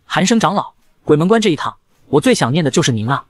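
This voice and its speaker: A man voicing a cowardly, scheming young male disciple who whines and fawns, in a fast manga recap narration. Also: on the high side, very animated, dry recording. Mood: wailing. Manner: whiny, fawning.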